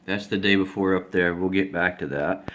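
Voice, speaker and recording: A man's voice: deep voice, moderate pace, fairly bright tone, slight background noise. A man vlogging his metal detecting finds, chatting casually and thinking aloud as he digs outdoors in a muddy field. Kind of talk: casual outdoor narration while digging.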